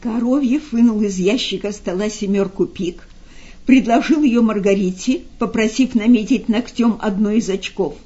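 A woman narrating a literary audiobook in an expressive, measured way. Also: mid-range voice, slightly rough. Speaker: audiobook reader. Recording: slightly dull lo-fi sound.

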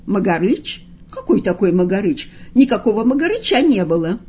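A woman's voice: mid-range voice, big pitch swings, normal speed, dark tone, lo-fi sound, slight background noise, close to an everyday voice. A woman doing a showy, swooping trickster. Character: glib, theatrical male trickster.

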